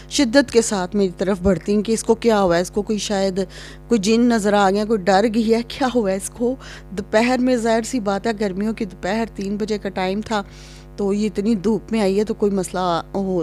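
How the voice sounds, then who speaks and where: A woman from Pakistan telling a childhood story to her channel's viewers in a chatty way, growing lively as she acts out scenes. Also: medium pitch, soft background music. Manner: chatty, reenacts scenes with rising excitement. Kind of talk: casual storytelling to camera.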